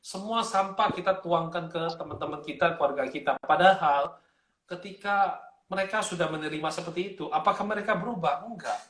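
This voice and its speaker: A man telling a personal story in a casual interview, lively, acting out other people's voices as he goes. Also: high voice, brisk, rough recording. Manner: animated, acts out the voices of his parents. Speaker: interview guest sharing life story.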